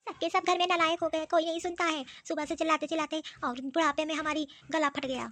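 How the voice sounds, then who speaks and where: A woman voicing a grumpy, suspicious old grandmother in a cartoon, scolding in a shrill, complaining way. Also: little pitch movement, quick pace, a bit bright. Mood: grumbling. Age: older. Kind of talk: cartoon voice acting.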